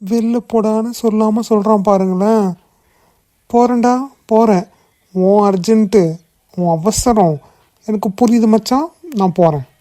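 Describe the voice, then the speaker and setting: A woman's voice: mid-range voice, unhurried, pauses often, warm tone, no echo, lightly acted. A woman voicing a nosy, teasing young male friend in a cartoon, full of surprised gossipy exclamations. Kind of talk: cartoon voice acting.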